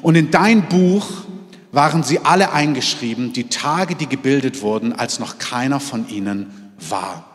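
A man preaching a sermon to his congregation, lively, moving between loud exclamations and quiet, intimate asides. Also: mid-range voice, measured pace, big-room sound. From half French, in Germany. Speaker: pastor. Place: church hall.

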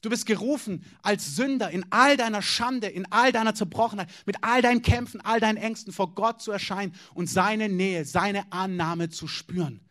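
Male pastor, high voice, direct conversational sermon delivery. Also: normal speed, hardly any pauses, fairly bright tone. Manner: direct, informal preaching with questions to the congregation.

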